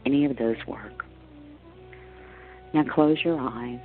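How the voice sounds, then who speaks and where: A man leading a guided meditation as a spiritual teacher, giving slow, counted deep-breath instructions in a hushed, soothing, measured way with long pauses. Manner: soothing, hushed, measured delivery with trailing soft phrase endings. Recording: dull lo-fi audio with soft music. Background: soft meditation music.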